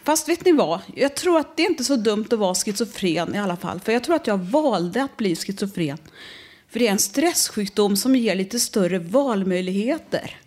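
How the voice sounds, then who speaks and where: A woman from doing deadpan stand-up comedy, speaking straight to the audience. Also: mid-range voice. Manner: deadpan, conversational, addresses the audience.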